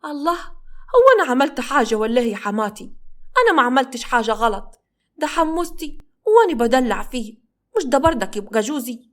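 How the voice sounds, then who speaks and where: Woman doing a teasing young wife, high and quick, coy. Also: lively intonation, a bit bright.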